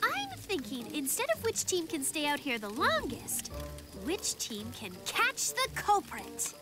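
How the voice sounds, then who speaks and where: Very high little girl voice, lively, cheerful, encouraging, cartoon. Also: a little slow, music in the background, exaggerated voice. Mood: cheerful, determined. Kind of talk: animated cartoon acting.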